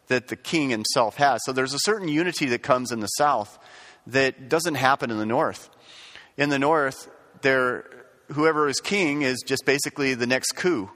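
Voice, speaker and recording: A man's voice: mid-range voice, fairly bright tone. Rambling man teaching in an echoey room. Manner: folksy, rambling, many fillers and restarts. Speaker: Bible class teacher. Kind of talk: casual classroom lecture.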